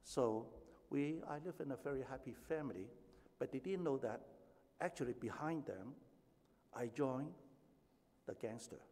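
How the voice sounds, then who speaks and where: A man's voice: mid-range voice, lively intonation, moderate pace, long pauses, darkish tone. A man in his seventies from Hong Kong, preaching a sermon as pastor, with emphatic rising stretches and chatty personal asides. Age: 70s. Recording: echoey hall with long reverb.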